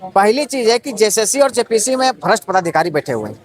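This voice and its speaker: A young male exam candidate from Jharkhand speaks in a street interview. His voice sits very high and he talks quickly, piling up indignant rhetorical questions. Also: big pitch swings, soft background music.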